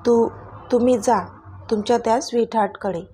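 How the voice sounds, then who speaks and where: A woman's voice: a little high, normal speed, soft background music, lightly acted. A woman voicing a jealous, sulking young wife in a storybook tale, speaking reproachfully. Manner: sulky and reproachful.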